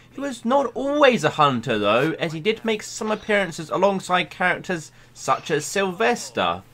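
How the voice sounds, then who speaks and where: A man hosting a video, reading a scripted countdown narration in a playful, lively way. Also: high voice. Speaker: YouTube host.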